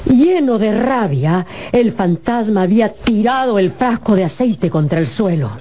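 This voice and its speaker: Over music, a woman with a medium-pitched voice narrates a scripted radio drama, telling the story in a measured, expressive, theatrical manner.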